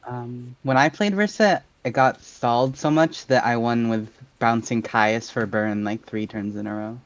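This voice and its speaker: Very deep-voiced woman co-commentator. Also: normal speed, no room sound, highs cut off. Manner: relaxed, short dry replies and asides. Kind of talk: casual live game commentary.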